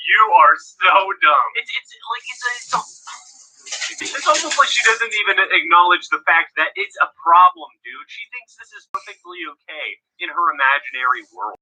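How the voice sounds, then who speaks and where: Guy doing a reaction vid, high bouncy voice, super bright, snarky and stumbling over words. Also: slightly rough, low-quality recording. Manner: sarcastic, stammering asides. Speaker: reaction video host. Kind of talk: casual reaction commentary.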